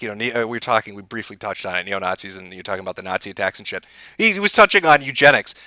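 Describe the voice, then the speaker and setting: A man's voice: medium pitch, pushed and bright, no room sound. A man hosting a podcast, arguing bluntly in a profane, mocking casual debate over a call. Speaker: podcast host.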